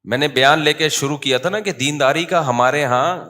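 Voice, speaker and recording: Bright-voiced man preaching in a mosque. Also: fairly high pitch. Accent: Pakistani Urdu. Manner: conversational preaching, quizzes the audience with questions. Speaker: mufti giving a Friday talk. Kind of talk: sermon.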